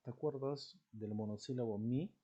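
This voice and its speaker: A man with a husky, mellow voice teaches a recorded grammar lesson. He explains step by step and keeps checking in with quick rhetorical questions. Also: medium pitch, highs cut off.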